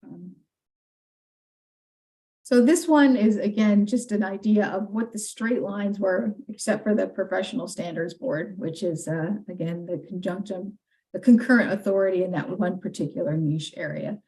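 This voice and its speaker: Mellow-voiced woman briefing a committee. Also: mid-range voice, normal speed, poor audio. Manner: explanatory, with frequent fillers. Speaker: legislative staff presenter.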